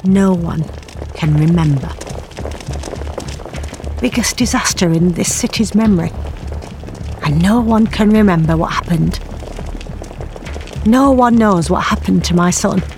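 In an audio drama, an actress plays a bereaved middle-aged mother confiding her story in an intimate monologue, plain-spoken, wry, weary and bitter. Her voice is on the low side with a darkish tone, at a measured pace with long pauses, and faint music plays behind.

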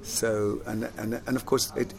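In a laid-back interview, an older man, an actor and singer who was born in Jamaica and grew up in London, looks back on his life with frequent laughter, rambling and repeating himself. He speaks in a creaky mid-range voice at a measured pace.

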